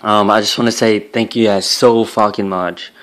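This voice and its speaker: A man's voice: on the low side, steady tone, moderate pace, a bit bright, slight background noise. A young man hosting his own gaming channel, talking to camera in a casual, rambling, profanity-heavy and emotional way. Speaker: YouTube gaming channel host.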